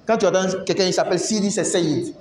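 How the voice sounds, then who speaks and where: A man giving a religious lesson to a class, explaining slowly, asking them questions and reciting Arabic phrases. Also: darkish tone. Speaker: religious teacher. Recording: echoey room, faint rumble.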